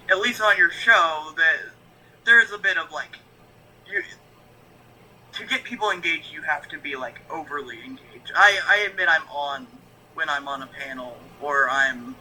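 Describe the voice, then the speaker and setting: In casual stream chat, this man, known for YouTube show reactions, speaks bluntly and rambles, with many fillers and restarts. His voice is fairly high, bright, and forceful, with slight background noise and poor audio.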